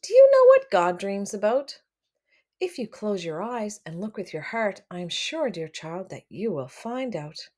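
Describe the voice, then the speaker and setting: Reading a children's picture book aloud, a woman uses a mid-pitched voice with very animated, swinging intonation. She takes her time and speaks directly to her young listeners, expressive in the way a storyteller is.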